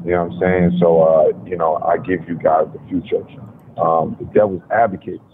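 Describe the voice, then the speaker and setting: A rapper from Brooklyn, New York calls in by phone for a radio interview, sounding laid-back and confident and using lots of fillers. His voice sits low, with a level tone and moderate pace. The recording has the tinny quality of a phone line, with faint noise.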